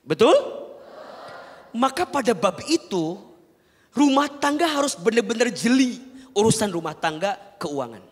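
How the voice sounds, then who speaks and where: A man's voice: high-pitched, very animated, a little slow, pauses often, breathy edge. A man preaching a televised sermon, earnestly advising and keeping the audience engaged with rhetorical questions. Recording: long hall reverb.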